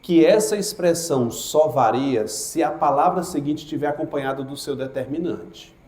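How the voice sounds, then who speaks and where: A man's voice: fairly high pitch, normal speed, a little mellow. A man teaching a grammar class for exam prep in a classroom, asking his students questions and answering them himself. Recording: echoey classroom.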